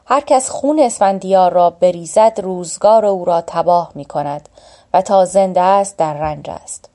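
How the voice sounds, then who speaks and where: A woman's voice: lowish voice, dark tone, natural voice. Woman reading as a wise mythical bird. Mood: solemn.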